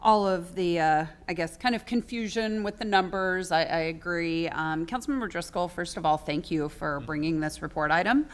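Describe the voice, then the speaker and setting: Lower-voiced woman on city council. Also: moderate pace, hardly any pauses, clear, resonant tone. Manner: polite, loose with fillers. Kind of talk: speaking at a council meeting.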